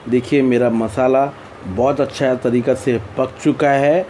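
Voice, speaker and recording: A cooking channel host with an Indian accent narrates a step-by-step recipe tutorial in a soft, mellow, mid-range voice that is a little slow and fairly even. His plain, instructional delivery keeps circling back to the same phrases, over noticeable background noise.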